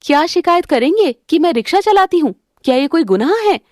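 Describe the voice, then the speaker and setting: A woman's voice: sits high, sing-song, fairly quick, darkish tone, no echo, clean studio sound, voice pushed up. A woman voicing a hardworking, proud young daughter-in-law who drives a rickshaw in a cartoon story, earnest and cheerful. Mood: firm.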